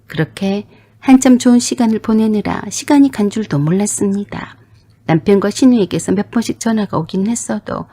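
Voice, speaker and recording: A woman telling a family story as scripted narration, steady and plain, with blunt retorts in her own part. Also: mid-range voice.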